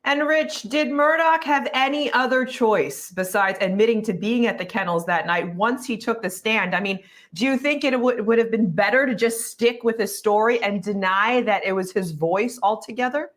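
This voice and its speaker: A woman's voice: a little high, moderate pace, few pauses. A woman hosting a broadcast legal news discussion, putting questions to panelists. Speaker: news host.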